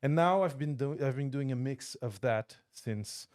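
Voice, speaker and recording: A man's voice: mid-range voice, moderate pace, a little mellow, clear, resonant tone. Thoughtful man from Portugal, podcast guest. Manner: thoughtful, many restarts and fillers. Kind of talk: casual interview chat. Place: podcast studio.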